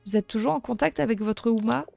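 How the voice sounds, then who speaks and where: A woman's voice: a little high, fast, vocal fry, mellow, dry recording, faint music behind. A woman reading the questions of a curious male mouse hero in a video game, in an inquisitive tone.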